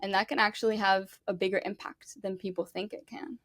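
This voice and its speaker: Young cuban-born woman w/ miami accent, upbeat casual chat, lots of "like", mid pitch, dry close mic. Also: little pitch movement, brisk, a bit bright, no room sound. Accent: Miami English. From Cuba. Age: young adult. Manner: upbeat, frequent "like" and "um" fillers. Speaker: pageant contestant guest.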